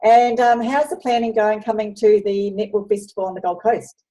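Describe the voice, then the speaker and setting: This host of a netball travel program, a woman from New Zealand with the accent to match, has a mellow mid-range voice and speaks steadily at normal speed. She chats through an interview and shows slides, saying um often. The recording quality is low.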